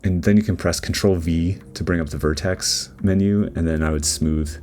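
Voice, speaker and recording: Low-voiced man talking through his 3D modeling. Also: normal speed. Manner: relaxed, rambling, with many fillers and restarts. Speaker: 3D artist giving commentary. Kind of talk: casual voice-over commentary on a modeling timelapse. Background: faint background music.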